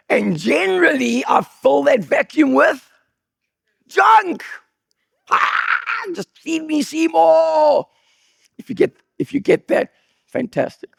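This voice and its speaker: A man preaching a sermon as pastor, with an accent, telling humorous stories with sudden high bursts of emphasis. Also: no echo, clean studio sound. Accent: non-local accent. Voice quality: gravelly, husky voice. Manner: animated, jokey storytelling with sudden high bursts.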